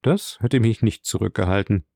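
A man reading a calm, aloof count. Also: on the low side, moderate pace, vocal fry, breathy edge, no echo, clean studio sound. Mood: composed. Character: worldly, reserved wealthy count, middle-aged man. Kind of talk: audiobook reading.

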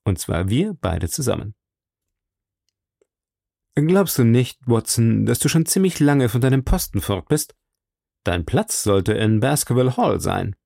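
A man reading an audiobook and voicing a sharp, commanding male detective, lifting his voice above his own and often dropping to a hushed whisper. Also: medium pitch, sing-song, measured pace, vocal fry, long pauses, no room sound, clean studio sound, full character voice.

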